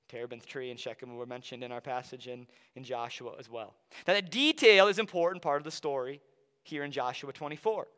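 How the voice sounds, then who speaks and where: Man, sermon, high voice, long hall reverb, relaxed then emphatic phrasing. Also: clean tone. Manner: conversational, slowing down to stress key phrases. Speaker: pastor. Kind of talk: sermon with Bible reading and personal story.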